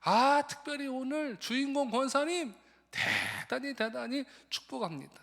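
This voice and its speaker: A man playing a dazed foreign missionary who speaks halting, eager Korean in a high voice, told within a sermon. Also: big pitch swings, vocal fry, a bit bright, heavily acted. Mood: cheerful. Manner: halting, eager, high-pitched broken speech. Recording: long church hall reverb.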